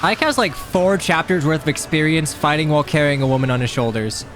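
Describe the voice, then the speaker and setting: A man's voice: a little high, brisk, music in the background. A man giving casual, wry commentary as he plays through a video game. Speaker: game streamer.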